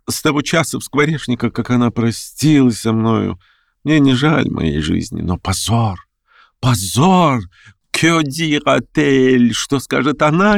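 A man's voice: mid-range voice, gravelly, no echo, clean studio sound, voice pushed up. Man voicing a despairing frightened old scholar. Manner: pleading, whispering fearfully, slips into French. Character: frightened aging male scholar, despairing and melodramatic.

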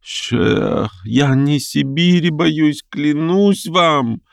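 A man plays an aging scholar undone by fear in a storybook reading, pleading in a gravelly, dry voice. He drops into fearful whispers and French phrases. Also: fairly high pitch, extremely slow, dry recording, pitched above the performer's own voice, full character voice. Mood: despairing. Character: frightened aging male scholar, despairing and melodramatic.

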